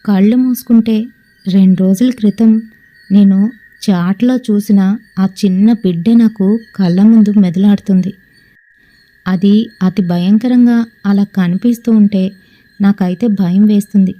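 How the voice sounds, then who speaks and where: A woman's voice: medium pitch, fairly even intonation, unhurried, long pauses, dull audio. A woman narrating a first-person ghost story and acting out family members' lines.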